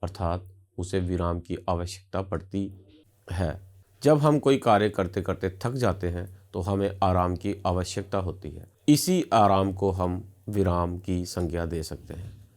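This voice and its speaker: A man with a fairly low voice narrates a scripted lesson. He is formal and measured, and he explains each point patiently, as a teacher would. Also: a little mellow. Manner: formal, measured, didactic delivery.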